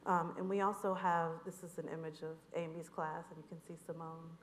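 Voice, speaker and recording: Low, steady woman curator on stage. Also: fairly quick, a little hiss or hum. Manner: explanatory, frequent "you know" fillers. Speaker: curator and moderator. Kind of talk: onstage conversation. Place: auditorium stage. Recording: echoey auditorium.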